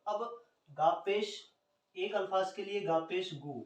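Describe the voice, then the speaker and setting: A man's voice: sits high, slow, recorded from a distance. A man teaching an Urdu poetry scansion lesson, spelling out letters one by one in an Indian Urdu accent. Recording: roomy echo, speaker off the mic.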